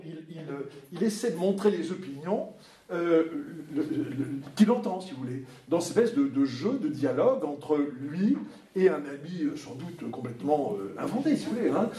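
A man's voice: a little high, dark tone. A man lecturing on art history to a class, chatty, with many fillers and tag questions. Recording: roomy hall, mic far off.

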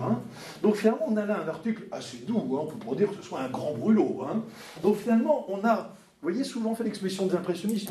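A man's voice: fairly high pitch, warm tone. A man lecturing on art history to a class, chatty, with many fillers and tag questions. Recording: roomy hall, mic far off.

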